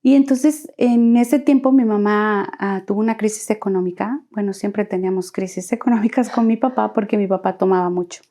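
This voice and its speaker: A woman's voice: mid-range voice, fairly even intonation, brisk, hardly any pauses, dark tone. A woman recounting her life story as an interview guest, earnestly acting out quoted dialogue.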